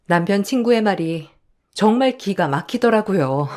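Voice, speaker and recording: A woman's voice: medium pitch, lively intonation, normal speed, darkish tone. A woman reading a first-person story aloud in an emotional, confiding way. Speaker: story narrator.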